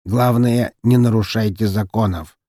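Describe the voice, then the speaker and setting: Old scrap-built robot greeter, voiced by a man: mechanical, grating, slow and formal, low and dark, dry close audiobook sound. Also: steady tone, dry recording. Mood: formal welcome. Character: old patchwork male android, grating and mechanical. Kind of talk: audiobook narration with voiced characters.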